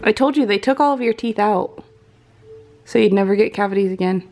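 A woman's voice: medium pitch, brisk, a little mellow. A woman chatting casually in an amused, teasing way.

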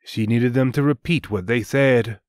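A man hosting and narrating a dark story in a solemn, deliberate, dramatic scripted style. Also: mid-range voice, no room sound, clean studio sound. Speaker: host and storyteller.

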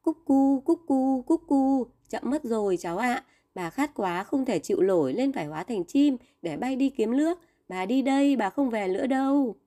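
A cooing, parched old grandmother turned bird, as a woman storyteller puts her on, weary and sorrowful. Her voice sits higher than the narration, with a mellow, warm tone. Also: expressive, normal speed, lightly acted.

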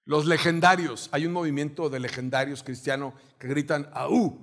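A middle-aged man with a Mexican accent preaching a sermon as pastor, telling a story with animated energy and acting out shouted commands. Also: a little high, moderate pace.

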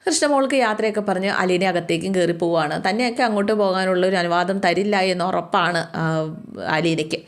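A woman's voice: fairly low pitch, fast. A woman casually retelling a TV serial's plot in a chatty, colloquial way. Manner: chatty, colloquial, frequent fillers. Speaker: storyteller recapping a TV serial.

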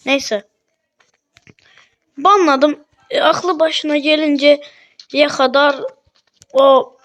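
A young woman with a Turkish accent narrates her gameplay in a loose, chatty way. Her voice sits high, and she keeps breaking into excitable outbursts. Faint game music plays underneath. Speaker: gaming video host. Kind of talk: casual game commentary.

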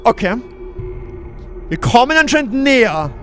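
High-voiced hoarse excitable gamer. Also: male voice, measured pace, faint music behind. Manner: excitable, talks to viewers, yelps and shouts when chased. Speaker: gaming video creator. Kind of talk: let's play commentary.

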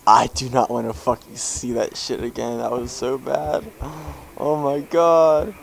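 A man's voice: mid-range voice, fairly even intonation, moderate pace, gravelly, slight background noise, poor audio. A young man commenting on a horror game as he plays, jumpy and swearing, with panicked outbursts. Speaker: gamer. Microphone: headphones with desk mic.

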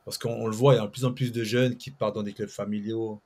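A man's voice: fairly low pitch, level tone, fast talker, darkish tone. A man co-hosting a casual chat show, asking long questions full of hesitations. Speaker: co-host.

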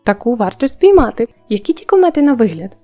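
A woman voicing a slow, mild male creature who collects insects, muttering fussily and pedantically. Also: on the high side, sing-song, mellow, faint music behind. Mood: eager.

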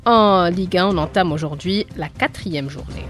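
A woman in her thirties anchoring a radio news bulletin at a studio microphone, reading in a measured, clear way. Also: fairly low pitch, loud music behind the voice. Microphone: studio boom mic with headphones.

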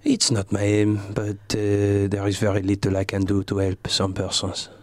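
A man playing an aloof, pompous French gentleman, speaking with a French accent in a deadpan, languid way. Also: fairly low pitch, normal speed, no room sound, clean studio sound, lightly acted. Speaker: comedian guest. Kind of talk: in-character comic interview.

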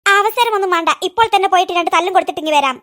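A woman voicing a cross, vengeful middle-aged aunty in a cartoon, grumbling and scheming in a high voice pushed lower. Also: racing, a bit bright. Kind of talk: cartoon voice acting.

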